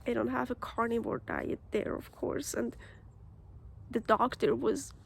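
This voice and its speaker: Slow, halting woman with a gravelly voice. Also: a little high. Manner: halting, many restarts and fillers. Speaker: vlogger. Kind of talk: casual personal vlog.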